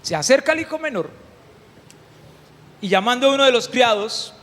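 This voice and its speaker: A man delivers a lively, humorous sermon, asking his listeners questions as he goes. His voice is very high, and a long hall reverb trails after every phrase. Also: normal speed. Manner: animated, humorous, questions the congregation. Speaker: preacher.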